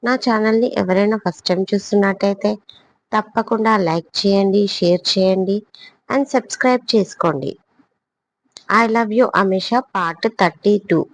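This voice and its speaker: A woman hosting her own channel, narrating an audio story in a steady, measured way. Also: mid-range voice, no echo, rough recording.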